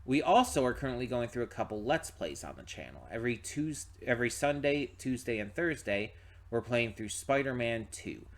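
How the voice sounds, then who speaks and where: A man's voice: medium pitch, animated, normal speed. A man hosting a reaction channel, talking casually and rambling with frequent restarts while tired and yawning. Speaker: channel host. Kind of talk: casual pre-reaction talk to camera.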